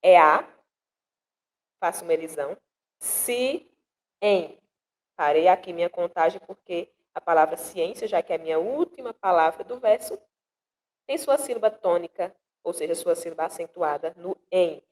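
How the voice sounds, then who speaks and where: A woman from northeastern Brazil, a poet, teaching verse meter in a slow, deliberate way and sounding out syllables one at a time. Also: fairly low pitch, a little mellow, rough recording. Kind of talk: explanatory lesson with recited verses.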